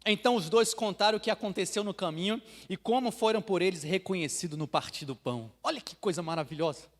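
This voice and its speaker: A Brazilian pastor from Bahia preaching a sermon, swinging from hushed asides to loud proclamations and acting out believers for laughs. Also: male voice, sits high, fast. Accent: Brazilian Portuguese, Bahia. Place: church sanctuary. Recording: long hall reverb.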